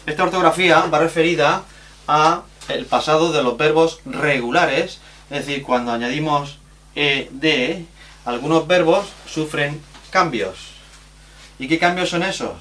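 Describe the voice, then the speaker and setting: In a recorded grammar lesson, a man explains the rules slowly, spelling out letters and examples. His voice sits a little high and sounds fairly bright.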